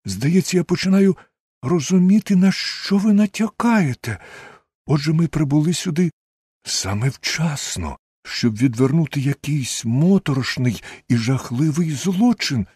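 Man doing Watson, husky, eager, pitched up from his narrating voice, close and dry audiobook read. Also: animated, normal speed, dark tone, no echo. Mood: excited. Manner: earnest, exclaiming, astonished questions. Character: Dr. Watson, eager male companion, middle-aged. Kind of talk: audiobook character reading.

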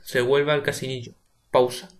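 A young man with a Spain Spanish accent reading the stage directions of a play in a quiet, subdued way. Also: mid-range voice, flat delivery, moderate pace. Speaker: audiobook reader.

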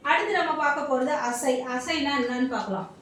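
A high-pitched woman teaches a grammar lesson, repeating each point and quizzing her listeners before answering. Her voice rings through a very echoey room, picked up from a distance with a faint hum of ambience behind. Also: expressive, fairly quick, fairly bright tone. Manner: repetitive, quizzing questions then answering them. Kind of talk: classroom lesson. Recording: echoey room, mic far off.

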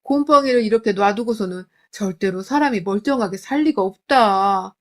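A scornful old father-in-law, voiced by a woman reading the story nags with harsh, belittling contempt. His lines come out loud and hard against the narration. The voice stays hard-edged throughout. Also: medium pitch, normal speed, natural voice. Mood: scornful scolding.

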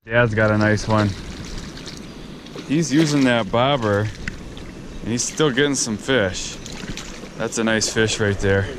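A man giving excited, chatty commentary while fishing from a riverbank, talking straight to his viewers. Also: fairly low pitch, takes it slowly, long pauses. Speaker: fishing video host. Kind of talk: casual on-the-spot fishing commentary. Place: outdoors on a riverbank and fallen tree. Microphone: head or chest-mounted action camera. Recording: outdoor camera mic with river and wind noise.

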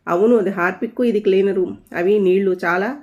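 A woman voicing a fussy, quick-tempered young husband who scolds and gives orders. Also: mid-range voice, darkish tone, close to an everyday voice. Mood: angry. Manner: bossy, scolding. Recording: dull lo-fi audio.

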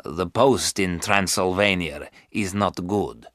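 A man voicing an old male vampire count who is courteous and menacing, speaking slowly and deliberately in a deep tone. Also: fairly bright tone, no echo, studio quality. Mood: smooth. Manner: slow, deliberate, commanding.

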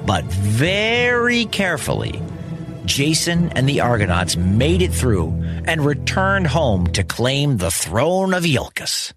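A man hosts a scripted children's story, telling it slowly in a wry, conversational way with dramatic emphasis. His mid-range voice swoops wildly in pitch, and music plays behind him.

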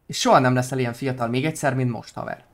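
A man's voice: mid-range voice, steady tone. A man from Hungary streaming a role-play game in casual banter, joking and teasing with playful rhymes.

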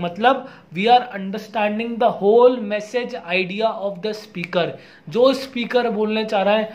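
Young guy teaching exam prep, chatty hindi-english mix, slows way down reading english definitions. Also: sits high.

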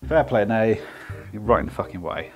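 A man's voice: on the low side, lively intonation, moderate pace, muffled recording. A man working as an electrician, chatting casually to camera on a job in a house, joking and swearing freely. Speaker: electrician vlogger. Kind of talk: casual on-site vlog. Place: house under renovation, indoors.

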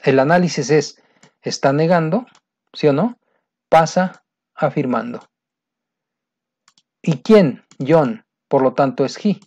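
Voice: mid-range voice, mellow. Patient teacher, muffled recording. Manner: patient, repetitive, keeps checking understanding. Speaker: English teacher. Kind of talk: recorded grammar lesson.

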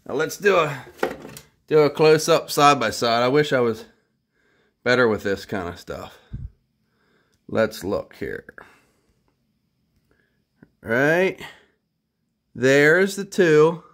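This is a relaxed workshop show-and-tell: a man who restores vintage three-wheelers talks about an old one in his garage. His medium-pitched voice is fairly bright, and he's chatty, poking fun at himself with dry humor.

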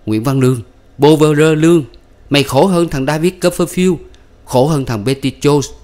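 A male audiobook reader voicing a proud, bitter young husband who rants loudly and theatrically. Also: mid-range voice, moderate pace, pitched above the performer's own voice, close to an everyday voice. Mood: ranting. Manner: loud, ranting, theatrical outbursts.

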